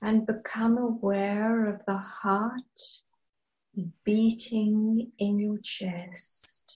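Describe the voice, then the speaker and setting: A woman leading a guided meditation in a soft, soothing, breathy manner, leaving long pauses between phrases. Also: mid-range voice, fairly even intonation, dull audio. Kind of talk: slow guided meditation narration.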